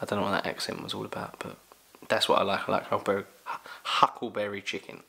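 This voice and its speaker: A young man with a London accent, casually answering Q&A questions in a jokey, animated way. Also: on the low side, quick pace, gravelly. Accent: London English. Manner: animated, jokey, exclaims loudly. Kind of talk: casual Q&A chat.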